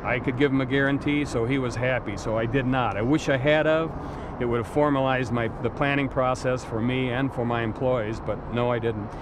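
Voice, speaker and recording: A man's voice: mid-range voice, fairly even intonation, fairly quick. A middle-aged man giving blunt, emphatic business advice in an outdoor interview on a waterfront pier. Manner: blunt, emphatic, repeats words. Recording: outdoor traffic noise behind.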